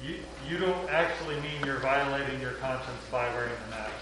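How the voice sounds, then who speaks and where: A man's voice: mid-range voice, a little fast. A man debating in a church meeting, carefully correcting another's choice of words. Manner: precise, corrective. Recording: very echoey, distant, loud noise.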